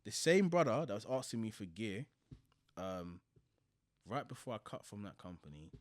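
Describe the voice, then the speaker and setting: A man's voice: on the low side, very animated, normal speed, no room sound. A man with a South London accent telling stories in slangy casual chat, repeating phrases for emphasis. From Croydon, South London. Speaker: podcast host. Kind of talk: casual chat, animated anecdotes.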